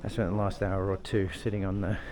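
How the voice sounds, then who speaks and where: Clear traffic and street noise surround a young Australian travel vlogger as he strolls old-town streets, holding his camera and rambling casually with the odd curse. His deep voice moves fast with little change in pitch.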